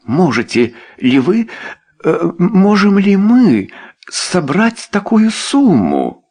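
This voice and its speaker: A fretful, reproachful aristocratic mother, as a male audiobook reader puts her on, her voice lifted well above his own and swinging widely in pitch. She exclaims and scolds in a high-strung, fussy way. It reads like a costume-drama storybook. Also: animated, unhurried. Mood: alarmed.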